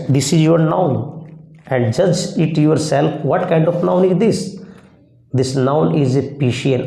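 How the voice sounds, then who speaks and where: A man's voice: a little high, creaky, warm tone. A man with an Indian English accent teaching a grammar lesson, explaining step by step and asking the class questions as he goes. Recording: echoey room.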